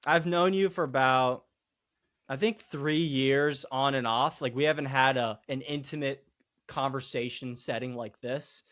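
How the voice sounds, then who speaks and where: A man's voice: medium pitch, a little slow, fairly bright tone. Playful man hosting a horror show. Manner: playful, showman-like. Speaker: show host. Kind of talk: theatrical horror-show intro, then casual chat.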